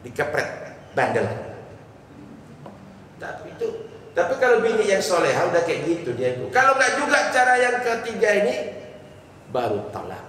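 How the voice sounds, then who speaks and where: A man's voice: high voice, sing-song, normal speed, long pauses, a bit bright. A man preaching a humorous sermon, joking and asking the congregation questions in a mosque hall. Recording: echoey hall from far off, faint noise.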